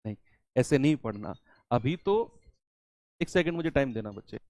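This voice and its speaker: A man's voice: medium pitch, animated, moderate pace, a little mellow, no room sound, clean studio sound. A man teaching a maths lesson to students, asking questions and answering them himself, repeating each key term twice. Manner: repeats key terms in two languages, asks and answers his own questions. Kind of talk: classroom-style maths lesson.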